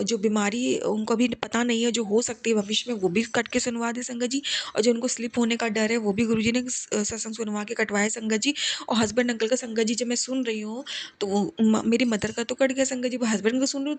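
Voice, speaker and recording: A woman's voice: fairly high pitch, creaky. A young woman giving an earnest, fearful spoken testimony, repeatedly addressing her listeners as a devoted follower.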